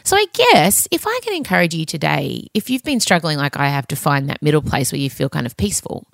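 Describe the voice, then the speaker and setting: A woman's voice: low voice, very animated, a little fast, creaky, dry recording, studio quality. A middle-aged woman hosting a podcast, talking in a candid, chatty, self-mocking confessional monologue. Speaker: podcast host.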